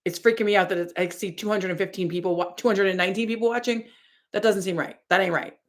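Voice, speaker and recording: A woman in her forties reads out her chat on a casual livestream, rambling along with plenty of fillers and restarts. She has a medium-pitched, steady voice and talks fast.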